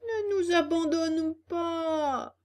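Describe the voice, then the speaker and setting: A woman voicing an old, lame, sly fox who begs in a slow, drawn-out whine. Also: extremely high pitch, pitched above the performer's own voice, full character voice. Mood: whining.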